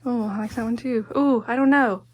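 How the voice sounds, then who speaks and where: A woman's voice: a little high, brisk, slight background noise. A woman giving a casual hands-on craft tutorial as the instructor, chatty and musing, often talking to herself as she goes. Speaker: quilting instructor and host.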